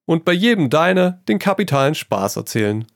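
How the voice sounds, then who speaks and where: A man putting on a high, amused painter. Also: fairly quick, dry recording, clean studio sound. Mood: teasing. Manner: lively, amused, tossing in French phrases. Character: witty amused male painter, worldly and teasing. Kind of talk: storybook reading.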